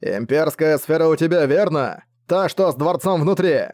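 A man's voice: on the high side, lively intonation, normal speed, darkish tone, natural voice. A man voicing a greedy, arrogant dragon mage in an audiobook, with a roaring, contemptuous manner.

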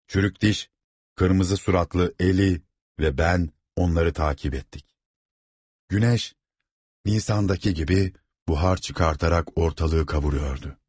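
A man reading a novel aloud as narrator, with steady, dramatic storytelling. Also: low voice, measured pace, slightly rough, no room sound, clean studio sound.

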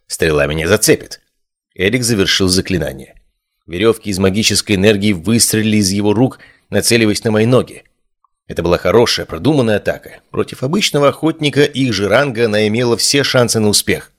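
Deep-voiced male audiobook narrator. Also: a little fast. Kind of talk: first-person fantasy audiobook narration.

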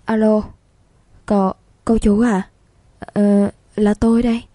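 A timid old housemaid answers her master with nervous deference and halting words, as a woman reads her out. The tone is mellow and dark, recorded dry and near the mic. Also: mid-range voice, level tone, dry recording, lightly acted. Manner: stammering, deferential. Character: older housemaid, timid and flustered.

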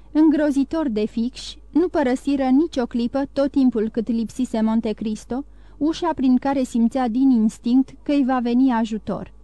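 A woman narrating a classic novel as an audiobook reader, in a steady, even reading. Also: high voice, no echo. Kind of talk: scripted narration.

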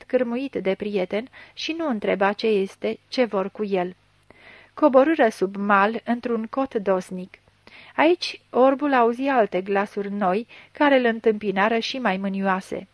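A woman tells a story in a steady, measured reading voice of middle pitch. The sound is dry and close, with no room around it. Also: no echo. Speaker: narrator. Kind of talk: audiobook reading.

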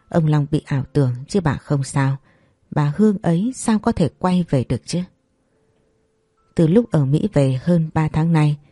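A narrator reading a scripted audio story in a steady, even way. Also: mid-range voice, breathy edge, no echo.

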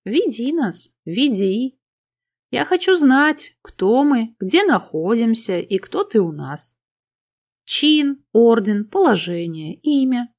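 A woman voicing a male inquisitor whose soft, kindly tone carries quiet menace. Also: fairly high pitch, big pitch swings, slow pace, full character voice. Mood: coaxing. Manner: soft, affectionate, mocking.

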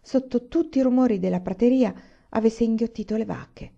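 A woman reads a children's novel aloud, expressive and deliberate. Her voice is mellow and soft-edged. The recording sounds dull and lo-fi. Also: a little high, vocal fry. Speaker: reader. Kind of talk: storybook read-aloud. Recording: muffled lo-fi recording.

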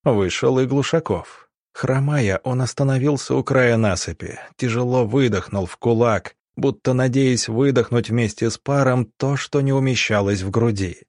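A man narrating an audiobook with a dramatic, measured delivery. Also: mid-range voice, darkish tone, no echo, clean studio sound.

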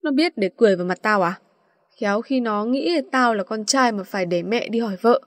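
A woman voicing a composed, weary young male teacher in a storybook reading, with calm, dry retorts. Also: a little high, fairly quick, dry recording, natural voice.

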